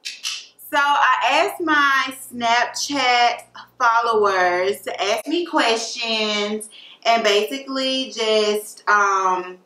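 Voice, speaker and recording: A chatty, upbeat woman in her late twenties talks through a casual question-and-answer vlog, her voice bright and a little high. She sits back from the mic in a roomy, echoing space. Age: late 20s. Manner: chatty, upbeat, lots of fillers. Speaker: beauty vlogger. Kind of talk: casual Q&A chat. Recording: echoey room, mic at a distance.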